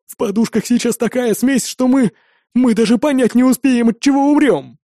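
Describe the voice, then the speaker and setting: A man voicing a frightened male engineer who pleads and babbles in a raised, rushed voice. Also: warm tone, no room sound, clean studio sound. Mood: pleading. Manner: high, rushed and begging.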